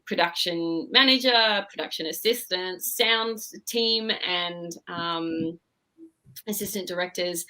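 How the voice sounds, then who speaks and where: A woman talking casually and informally as a director in an interview about productions, animated and thinking aloud as she goes. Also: fairly low pitch, poor audio. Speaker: director of theatre podcast productions.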